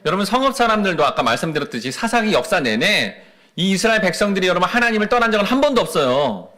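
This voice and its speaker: Male pastor, sermon, lively pitch, slightly high voice, rhetorical questions. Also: fast. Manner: animated, rising and falling emphasis.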